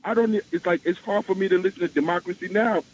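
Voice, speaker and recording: A man's voice: sits high, steady tone, fast talker, slightly rough. A man calling in to a talk radio show over the phone, speaking in an impassioned, emphatic way that repeats his points. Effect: heard over the phone. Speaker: radio call-in caller. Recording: dull phone line with faint hiss.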